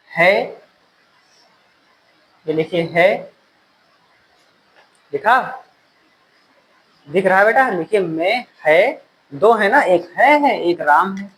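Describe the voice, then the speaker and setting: A male teacher giving a classroom lecture, repeating key phrases slowly so students can write them down. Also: high-pitched, lively intonation, fairly bright tone, low-quality recording.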